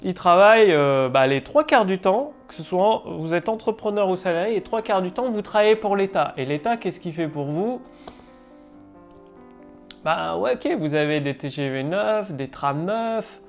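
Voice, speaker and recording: A man's voice: sits high, expressive, moderate pace, soft background music. Chatty informal French man vlogging. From France. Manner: chatty and informal, punctuated with "bah" and "boum". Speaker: entrepreneur vlogger. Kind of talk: casual monologue to camera.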